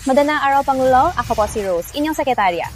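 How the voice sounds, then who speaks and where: A woman's voice: sits high, expressive, fast, faint music behind. A woman playing a polite, formal secretary. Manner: formal and respectful. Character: polite efficient young female secretary.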